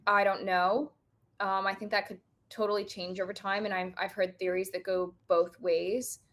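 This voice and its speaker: A woman guest in a casual livestream chat, with a voice of middling pitch. She talks in a thoughtful, hesitant way, full of restarts and small fillers as she works through her points. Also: level tone, normal speed, fairly bright tone.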